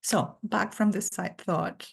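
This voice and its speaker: A woman's voice: medium pitch, steady tone, slow pace, creaky, breathy edge. A woman guest lecturer giving an earnest, thoughtful academic talk over a video call.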